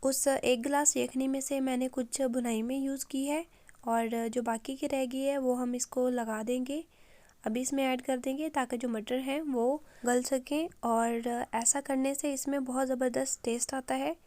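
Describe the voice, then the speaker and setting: Hoarse woman narrating a recipe. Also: high-pitched, no echo. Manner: calm, step-by-step with frequent "uh" pauses. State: sore throat, hoarse. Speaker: cooking channel host. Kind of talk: recipe voice-over.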